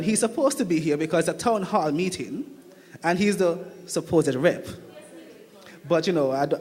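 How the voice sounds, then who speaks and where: A man's voice: fairly high pitch, darkish tone. A young man from Saint Kitts with a Kittitian accent, giving an impromptu, conversational personal testimony at a public meeting and repeating phrases for emphasis. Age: young adult. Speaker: returning student speaking at a town hall meeting. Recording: reverberant hall with long echo.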